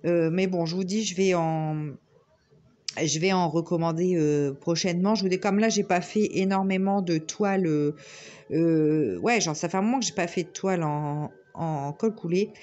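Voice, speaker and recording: A woman with a northern French Ch'ti accent, talking to her viewers in a loose, meandering way, stopping and restarting often. A heavy cold leaves her voice blocked-up, nasal and a little hollow, and her throat is sore. Her voice sits fairly low for a woman. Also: normal speed, darkish tone, lo-fi sound. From northern France. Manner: hesitant, rambling with many fillers. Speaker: crafting vlogger. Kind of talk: casual chat to viewers.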